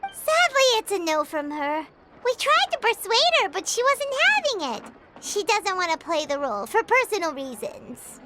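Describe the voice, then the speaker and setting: A woman voicing a tiny chirpy floating companion in a video game, bubbly and quick to tease. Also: very high-pitched, big pitch swings, very noisy. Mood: concerned. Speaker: travel companion. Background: game music.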